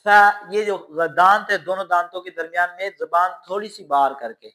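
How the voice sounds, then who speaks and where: A man teaching Quran pronunciation, stretching out each letter sound and then calmly explaining how to make it. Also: sits high. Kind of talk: slow letter-by-letter pronunciation lesson.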